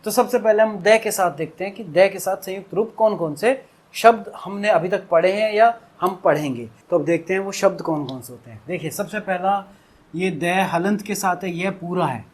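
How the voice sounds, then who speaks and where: A man's voice: high-pitched, normal speed. A young adult man teaching a Hindi lesson, explaining patiently and drawing out syllables to show pronunciation. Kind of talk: classroom-style lesson explanation.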